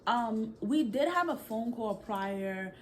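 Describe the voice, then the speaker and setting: A young woman from Brooklyn, New York, telling a storytime vlog in an animated, chatty, slang-filled way, talking straight to her viewers. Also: on the high side, takes it slowly, slight background noise. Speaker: vlogger.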